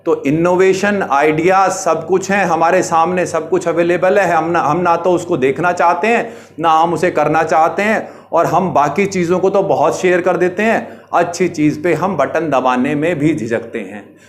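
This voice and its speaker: A man's voice: on the high side, moderate pace, few pauses. A middle-aged man giving a direct-to-camera monologue, exhorting his audience with rhetorical questions in a preachy, lecturing manner. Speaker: social media commentator.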